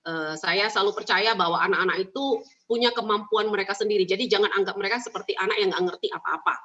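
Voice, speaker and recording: A woman giving parenting advice in an emphatic, animated way, repeating her key points. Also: mid-range voice, quick pace. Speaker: parenting speaker. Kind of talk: advice talk answering questions. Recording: muffled lo-fi recording.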